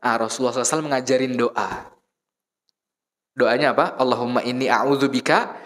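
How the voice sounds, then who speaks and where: A man preaching a conversational sermon in a mosque, asking the congregation questions and answering them himself, moving between soft asides and raised emphatic points. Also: mid-range voice, fairly even intonation, fast talker. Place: mosque hall. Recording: reverberant mosque hall.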